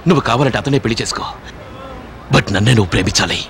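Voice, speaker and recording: A man's voice: lowish voice, racing, fairly bright tone, a little hiss or hum. An actor playing a volatile, obsessive young man who swings from pleading to raging threats in a dubbed film. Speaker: film character.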